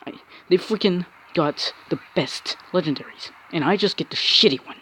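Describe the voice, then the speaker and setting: A man's voice: high-pitched, moderate pace, a bit bright, slight background noise. Angry young-sounding man ranting over gameplay. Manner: frustrated ranting with frequent cursing and restarts. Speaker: mobile game player.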